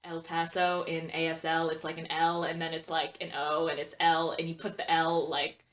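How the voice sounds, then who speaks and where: A woman's voice: low-pitched, little pitch movement, moderate pace. A young woman from Texas co-hosting a podcast in casual chat, giggling and swearing freely. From Texas, USA. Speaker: podcast co-host. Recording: faint background noise with clicks.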